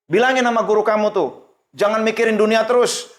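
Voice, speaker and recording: A man putting on a gracious but blunt old Sufi master in a raised, higher voice, in a storyteller's acted tale. The master speaks plainly and gets straight to the point. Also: brisk, close to an everyday voice. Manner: brief, direct advice. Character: famed wealthy male Sufi master, gracious yet blunt.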